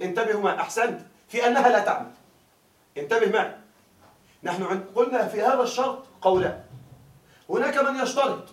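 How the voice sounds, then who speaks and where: A man gives a classroom grammar lecture in a fairly high voice, stopping often to ask whether the students follow. He is heard from some distance off the mic. The room is echoey. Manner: keeps asking students if they follow. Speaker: grammar teacher.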